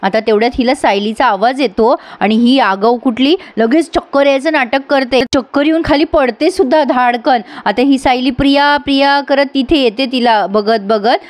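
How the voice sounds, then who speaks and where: A woman recaps a TV serial in a chatty voice-over, turning to her viewers to comment on the scenes. Her voice is high and the recording is close and dry, with no room sound. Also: moderate pace, few pauses, no room sound. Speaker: TV serial reviewer.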